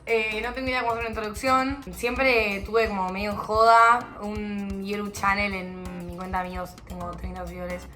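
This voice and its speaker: Chatty young Argentine woman, bright voice. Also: mid-range voice, flat delivery, moderate pace, few pauses. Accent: Rioplatense Argentine Spanish. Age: young adult. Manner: chatty, self-mocking, slangy. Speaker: vlogger. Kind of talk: casual chat to camera. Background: music.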